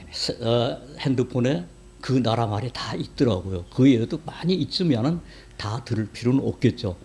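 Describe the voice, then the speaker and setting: A man preaching from the pulpit of a church sanctuary, his voice sitting at an ordinary middle pitch. He keeps the sermon conversational and often stops to ask the congregation questions. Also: warm tone.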